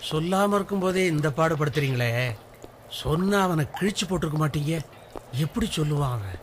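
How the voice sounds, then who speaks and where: A man's voice: on the high side, lively intonation, brisk, slight background noise, natural voice. An actor playing a man who pleads reproachfully on a boy's behalf.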